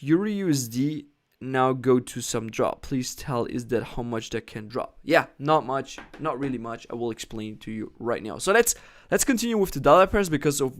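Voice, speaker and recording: A medium-pitched man from Germany hosts a live forex trading analysis stream, explaining charts and reading the chat. His style is explanatory with non-native phrasing, and he repeatedly asks "okay?"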